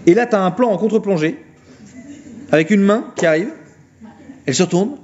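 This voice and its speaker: A man giving an informal philosophy lecture, retelling a film plot with mocking, animated storytelling. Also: sits high, moderate pace, highs cut off.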